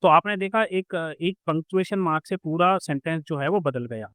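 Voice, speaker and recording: A man's voice: a little high, moderate pace, fairly bright tone, no room sound. A man teaching a school math lesson, patiently explaining step by step with everyday examples.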